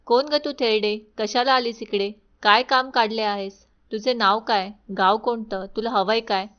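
A woman's voice: a little high, steady tone, normal speed, natural voice. A woman voicing a young palace maid who questions and talks curtly in a told story. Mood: brusque. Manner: brusque, questioning. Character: curt young woman servant at a palace door. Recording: dull lo-fi recording.

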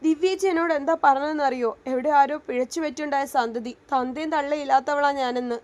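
Woman voicing a gentle young wife, high soft voice, pleading. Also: quick pace, close to an everyday voice.

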